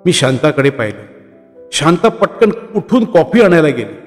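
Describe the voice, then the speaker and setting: Brief: male storyteller, measured and emotional reading, slightly high voice, long reverb, soft music bed. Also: sing-song. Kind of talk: reading a short story aloud.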